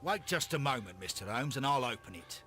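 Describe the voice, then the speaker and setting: An actor playing an earnest Victorian police inspector in a video game, with an English accent and an emphatic, matter-of-fact manner. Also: male voice, medium pitch, lively intonation, brisk, bright, forceful tone, soft background music. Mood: businesslike. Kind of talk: video game dramatic acting. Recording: clear background noise and outdoor ambience.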